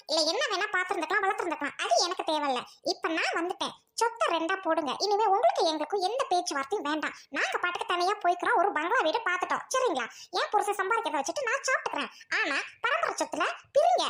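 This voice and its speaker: A woman voicing a loud, scheming young bride who scolds and wails in a family skit. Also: heavily acted. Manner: shrill, scolding, quick to wail. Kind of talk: Tamil family skit acting.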